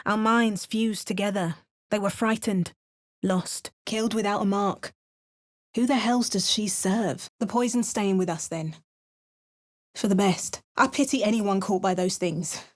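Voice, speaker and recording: A young woman voices the player character in a fantasy video game, a tough adventurer heroine with a dry wit. Her mid-range delivery is unhurried, wry and only lightly acted.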